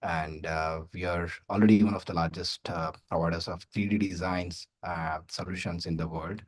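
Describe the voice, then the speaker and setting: A man's voice: low voice, fairly even intonation, normal speed. A man giving a conference talk over a video call, loose and full of filler sounds. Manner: loose, many filler sounds and tag questions. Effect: heard over a video call. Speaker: guest speaker.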